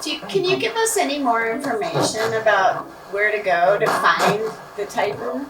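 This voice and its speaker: A woman's voice: fairly high pitch, lively intonation, moderate pace, crowd noise. A woman hosting a paranormal session, asking short questions aloud to spirits and repeating what she takes as replies. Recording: echoey, distant mic, noisy with clicks.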